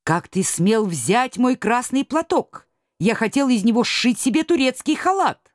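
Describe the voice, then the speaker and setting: A woman's voice: deep voice, very animated, normal speed, a little mellow, dry recording, clean studio sound. A woman voicing a capricious tiny male elf who is fussy, whiny and easily bored, in a storybook reading. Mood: indignant. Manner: whiny, sulky.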